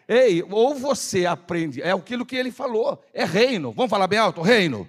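A man preaching a lively sermon in church, firing rhetorical questions and calling for responses. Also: high voice, moderate pace. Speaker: pastor. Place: church service.

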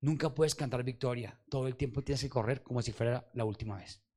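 A man preaching a Sunday sermon, calling out to the congregation and swinging from loud exhortation to quiet low asides. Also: brisk. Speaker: pastor. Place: church service.

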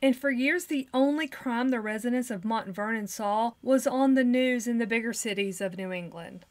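Woman podcaster reading out a crime case, slightly high voice, steady. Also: moderate pace. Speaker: podcast co-host. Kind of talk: casual chat and true crime narration.

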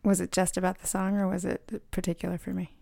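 A woman with a fairly low, gravelly voice chats about songs as a podcast co-host. She is playful and quick to giggle, then turns reflective. Her voice sounds dry and close, with faint music behind it. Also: level tone, dark tone, dry recording. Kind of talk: casual music chat.

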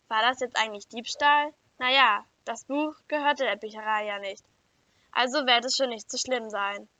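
A woman reading a first-person children's story aloud in an even, clear storytelling manner. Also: a little high, no echo. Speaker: story reader. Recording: dull lo-fi dry recording.

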